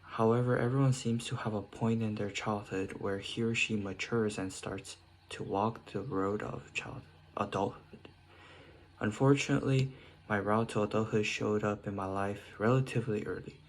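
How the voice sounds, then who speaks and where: A man's voice: lowish voice, fairly even intonation, moderate pace, a little hiss or hum. A teenage boy from South Korea reading a prepared essay aloud in short phrases, with small slips and restarts. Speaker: student.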